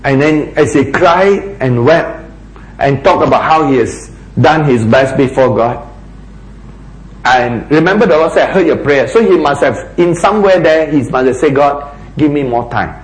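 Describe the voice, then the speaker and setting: A man preaching a sermon in a slow, dramatic way, sometimes dropping almost to a whisper for emphasis. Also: low-quality recording. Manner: slow, dramatic delivery with big pitch swings, dropping to near-whispers for emphasis.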